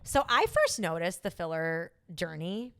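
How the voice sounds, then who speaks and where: A woman's voice: fairly low pitch, huge pitch swings, unhurried, fairly bright tone, clear, resonant tone. A young woman co-hosting a pop culture podcast in a casual chat, talking emphatically and restarting her sentences often. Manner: chatty, restarts a lot, emphatic opinions. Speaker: podcast co-host.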